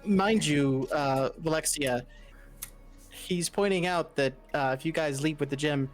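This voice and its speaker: A man running a tabletop game on stream, narrating with casual, brisk ease. His voice sits a little high for a man. Faint music plays underneath. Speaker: game master.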